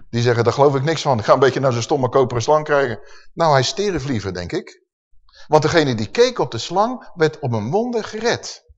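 Emphatic preacher with a swooping voice. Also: male voice, a little high. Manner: emphatic, rising and falling, lists sins with force, asks the congregation questions. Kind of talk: sermon. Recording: dull lo-fi sermon recording.

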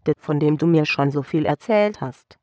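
A man's voice: a little high, moderate pace, darkish tone, no echo, dull audio, close to an everyday voice. A man voicing a woman who urgently coaxes a friend into helping with a scheme. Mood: coaxing. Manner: urgent, coaxing. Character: pleading woman plotting a scheme.

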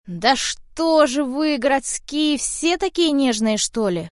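Woman doing gruff bossy ginger tomcat, loud, scolding, dry close audiobook sound. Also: high-pitched, lively intonation, slow pace, no room sound, pitched above the performer's own voice. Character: old male house cat, gruff, rude protector. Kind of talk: audiobook character voice.

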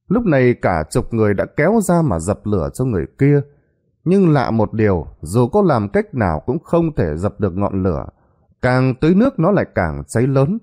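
A man's voice: medium pitch, dark tone. A man telling a horror story in a dramatic way that builds suspense.

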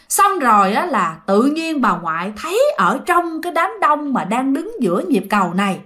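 A woman's voice: sits high, bright, forceful tone. A woman with a Southern Vietnamese accent telling a ghost story and talking directly to her listeners. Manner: chatty, addresses listeners directly.

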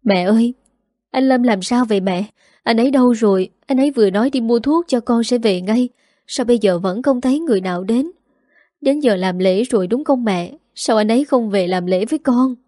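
A woman's voice: fairly high pitch, fairly quick, mellow, dry recording, clean studio sound, close to an everyday voice. A woman voicing Linh, a distraught young bride. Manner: tearful, breathless questions.

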